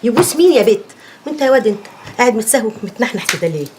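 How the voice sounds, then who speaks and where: A shrill old Egyptian aunt, voiced by an actress, scolding fast in a high voice that leaps all over. She wails and nags without pause. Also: lively intonation, background noise, close to an everyday voice. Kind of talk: TV drama acting.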